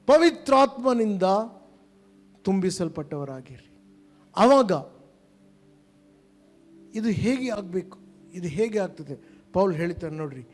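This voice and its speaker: An older pastor preaches in a church, his voice pitched notably high. He keeps asking his listeners questions, pressing some points hard and dropping others to a hush. A little music plays faintly behind him. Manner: rhetorical questions to the congregation, by turns emphatic and hushed. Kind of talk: sermon.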